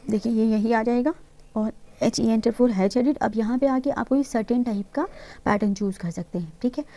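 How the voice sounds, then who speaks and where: A woman runs a screen-recorded design software lesson, patiently explaining each step. Her voice sits a little high but sounds mellow and soft-edged. She slips English technical terms into her explanations. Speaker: interior design instructor.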